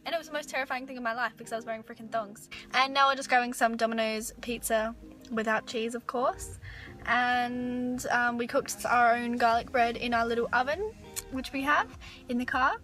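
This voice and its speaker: A young Australian woman casually narrating a road trip to a phone held at arm's length, chatty and excitable. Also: fairly high pitch, moderate pace, soft background music. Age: young adult. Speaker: vlogger. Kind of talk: casual travel vlog.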